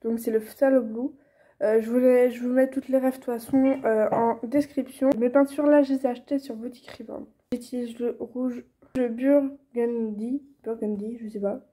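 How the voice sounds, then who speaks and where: A young woman, chatting casually through a how-to tutorial, filling pauses with many hesitations and restarts. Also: on the high side, steady tone, mellow, slightly rough. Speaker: vlogger teaching reborn doll painting.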